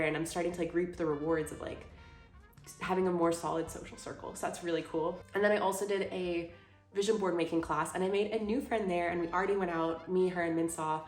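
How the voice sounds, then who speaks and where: Chatty gushing woman in her twenties. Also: fairly low pitch. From Houston, Texas. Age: 20s. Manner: chatty and gushing, full of "like" and restarts. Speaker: vlogger. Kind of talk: casual monthly favorites chat. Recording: roomy sound with faint music.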